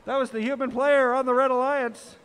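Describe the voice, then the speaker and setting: A man calling a robotics match live as announcer, excitable and full of exclamations. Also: extremely high pitch, brisk, smooth. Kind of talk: live play-by-play commentary.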